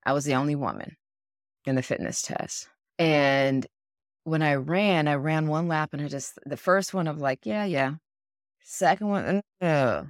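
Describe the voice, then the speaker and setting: Low-voiced woman telling a lively story. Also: moderate pace, dry recording, clean studio sound. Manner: animated, acts out other people's words; frank, swears casually. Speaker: podcast co-host. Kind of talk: casual storytelling.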